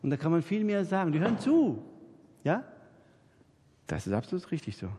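A man's voice: a little high, wildly swooping pitch, moderate pace, mellow, slightly rough. A man preaching an anecdotal sermon, telling stories and acting out the dialogue in different voices. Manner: storytelling, acts out dialogue in voices. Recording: reverberant hall.

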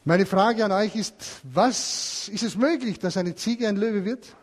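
A man's voice: high voice, a little slow, husky. A man preaching a sermon, telling a parable and asking his listeners questions. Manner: storytelling, asks the listeners questions.

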